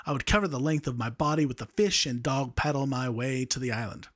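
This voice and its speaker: A man's voice: mid-range voice, brisk, a bit bright. A young man reading a story aloud, amused by the text he narrates. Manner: amused, breaks off to laugh at the text.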